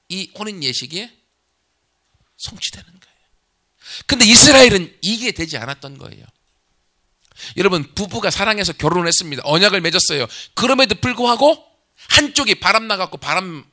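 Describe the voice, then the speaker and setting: Male pastor, sermon delivery, conversational with rhetorical questions, bright forceful tone. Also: high voice.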